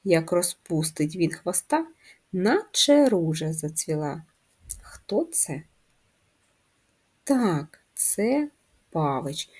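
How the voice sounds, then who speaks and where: A woman teacher giving a first-grade handwriting lesson, explaining each sound slowly and clearly. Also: low voice, warm tone. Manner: slow, clear syllable-by-syllable explanations. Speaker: primary school teacher.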